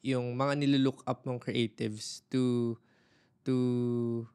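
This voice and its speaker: A man's voice: medium pitch, level tone, takes it slowly, a little mellow, smooth. A man with a Filipino accent talking informally as a podcast guest, code-switching in casual conversation. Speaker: guest, music video director. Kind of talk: casual podcast chat, mixing Tagalog and English.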